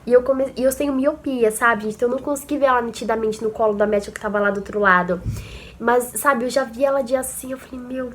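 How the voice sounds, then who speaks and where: Talking quickly in a slightly high voice, a young woman vlogger with a Brazilian accent shares a personal story with her audience, emotional and chatty, often addressing them directly. A little hiss or hum sits in the recording.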